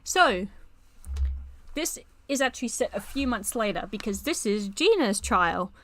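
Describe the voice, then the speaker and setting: A woman's voice: a little high, sing-song, measured pace, fairly bright tone. A woman streamer casually chatting while reading fan chat logs aloud, swearing and laughing often. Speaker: streamer and artist.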